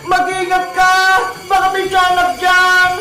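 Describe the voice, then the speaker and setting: A woman voicing a bossy, cheerful young girl in a cartoon, calling out loudly. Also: extremely high pitch, monotone, unhurried, soft background music, heavily acted. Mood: urgent. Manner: loud counting and calling out. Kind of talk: cartoon voice acting.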